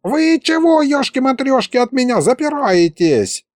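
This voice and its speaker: A man voicing a chatty, excitable old male wizard with folksy rustic speech. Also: very high-pitched, unhurried, no room sound, clean studio sound, voice pushed up, full character voice.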